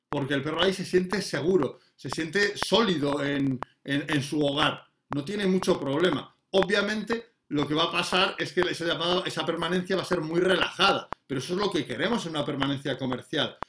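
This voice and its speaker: A man teaching dog training in a casual, explanatory way, with many fillers and restarts. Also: a little high. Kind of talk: casual spoken lesson. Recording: noticeable background noise.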